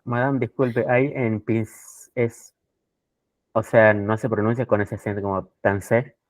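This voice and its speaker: Low monotone guy asking a question in class, dry close sound, lots of "o sea". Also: measured pace, no room sound, dull audio. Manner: hesitant and roundabout, full of "o sea" and "claro". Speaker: adult student.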